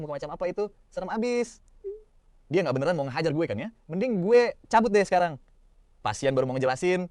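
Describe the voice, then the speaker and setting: A young man, narrating a manhwa recap in first person with slangy, expressive inner monologue. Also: medium pitch, no echo. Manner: slangy Jakarta-style casual talk, expressive inner monologue.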